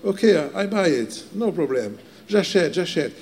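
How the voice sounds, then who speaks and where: An eager American male car buyer, put on by a man in a put-on American accent that slips into English. He keeps repeating the same short phrases, pitched a little above a plain male voice. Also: animated, takes it slowly, darkish tone, long reverb tail. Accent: American put-on, mixing English into French.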